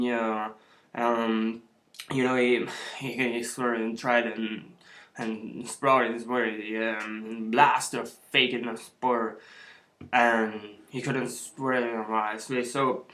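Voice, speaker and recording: A man's voice: mid-range voice, fairly bright tone. A man talking casually in fake English gibberish that mimics the sound of everyday conversation. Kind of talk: improvised casual chat in nonsense words. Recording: roomy, echoing sound.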